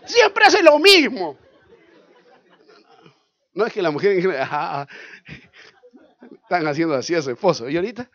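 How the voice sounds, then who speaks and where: A male pastor, preaching a sermon in an animated way, asking questions and acting out scenes. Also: on the high side, fast, long pauses, dull audio, a faint crowd. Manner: animated, asks the congregation questions, acts out scenes.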